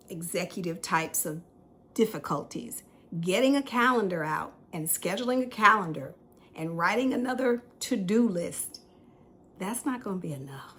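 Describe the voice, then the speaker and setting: A woman's voice: lowish voice, a bit bright. A middle-aged woman hosting a casual chat show, talking candidly and laughing at herself often. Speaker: podcast host. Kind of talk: casual tea-time chat.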